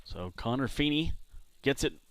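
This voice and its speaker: A man from San Diego doing play-by-play commentary for a baseball game, chatting between pitches. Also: moderate pace, no echo. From San Diego, California. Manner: relaxed, chatty between pitches, jumps up loud on big hits. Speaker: play-by-play announcer.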